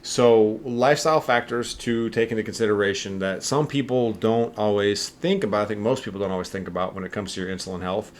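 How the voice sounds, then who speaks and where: A man's voice: on the low side, a little fast, few pauses, a little hiss or hum. A man co-hosting a health podcast, explaining in a rambling, casual way with lots of fillers. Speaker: podcast co-host.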